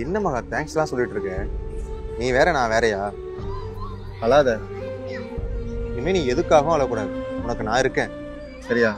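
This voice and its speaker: An actor playing Karthick, a caring young boyfriend who speaks gently and coaxingly, with music under the dialogue. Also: male voice, medium pitch, normal speed, pauses often, natural voice. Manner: coaxing, gentle, then flat and firm. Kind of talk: romantic web series acting.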